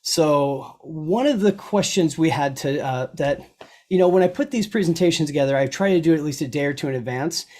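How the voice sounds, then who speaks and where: A man's voice: a little high, a little fast, a little mellow. A man co-hosting a live online Q&A, chatty and joking, laughing often between his remarks. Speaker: co-host. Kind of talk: casual live Q&A chat.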